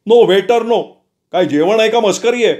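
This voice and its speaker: A man's voice: sits high, moderate pace, a little mellow, pitched above the performer's own voice, close to an everyday voice. A man voicing a flustered middle-aged hotel manager, exasperated and pleading.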